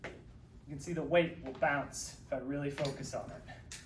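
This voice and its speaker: A man's voice: medium pitch, steady tone, moderate pace, far from the mic, a little hiss or hum. A man leading a workout class, joking and counting reps while exercising and a little out of breath. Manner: upbeat, joking coach talk, counting reps. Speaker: fitness instructor. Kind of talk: guided workout instruction. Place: empty room. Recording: echoey room, from away from mic.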